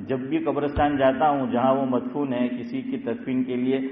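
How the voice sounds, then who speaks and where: A man's voice: medium pitch, flat delivery. Male imam, chatty and teasing, mosque hall reverb, narrow lo-fi sound. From Gujarat. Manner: conversational, joking, asks the audience questions. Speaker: imam giving a talk. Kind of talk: informal mosque talk. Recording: phone-like, echoey hall.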